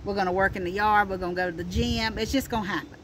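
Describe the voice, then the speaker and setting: A middle-aged Appalachian woman co-hosts a casual chat outdoors in a wooded yard, spinning folksy stories and repeating phrases for emphasis. Her medium-pitched voice stays steady while she talks rapid-fire. A camera a few feet away picks her up along with ambient outdoor noise.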